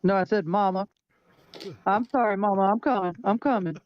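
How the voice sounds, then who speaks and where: A player voicing a flustered young child who stammers apologies and shouts back to their mother. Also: mid-range voice, normal speed, close to an everyday voice. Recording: slightly muffled with faint hiss.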